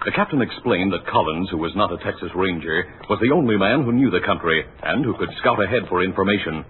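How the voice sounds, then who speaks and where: A man narrating a radio drama in a measured, dramatic way. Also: low voice, lively intonation, a little hiss or hum. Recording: tinny old radio broadcast with music. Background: music.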